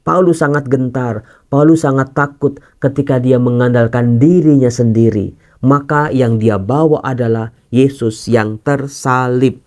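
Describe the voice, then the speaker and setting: A man's voice: mid-range voice, fairly even intonation, unhurried, darkish tone. Priest, male, mid-range voice, earnest Bible teaching with casual asides. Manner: earnest, addresses listeners as brothers and sisters; mixes casual colloquial asides into formal teaching.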